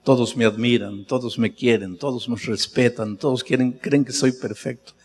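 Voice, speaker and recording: A male pastor voicing a tearful young man who pleads for help in a low, broken voice. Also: takes it slowly, a little mellow. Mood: despairing. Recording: long reverb of a large hall.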